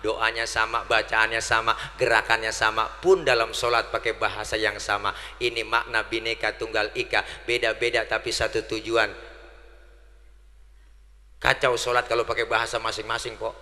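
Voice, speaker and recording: Preacher guy cracking jokes in a sermon, super bright sharp voice, big reverb hall sound. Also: on the low side, level tone, normal speed. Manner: jokey, punchy call-and-response with the crowd. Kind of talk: comedic religious sermon.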